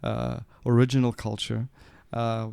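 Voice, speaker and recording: Gravelly-voiced man telling stories. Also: mid-range voice, unhurried. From Portugal, raised in Mozambique. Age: 40s. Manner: chatty, animated storyteller with playful asides. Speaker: guest musician. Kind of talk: casual podcast interview.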